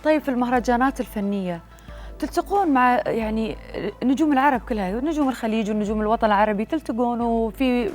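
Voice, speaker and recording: A woman, asking a guest polite, measured interview questions in a TV studio. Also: a little high, soft background music.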